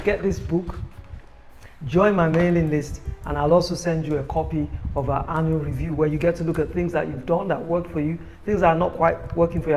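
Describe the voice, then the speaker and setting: A man giving an upbeat, persuasive sales pitch for his own book, recorded on a phone camera. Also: a little mellow. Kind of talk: motivational self-promotion video.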